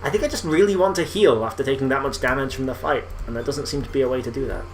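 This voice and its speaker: A man's voice: medium pitch, fast talker, a little hiss or hum. A man hosting a let's play, commenting casually on a game with wry exasperation.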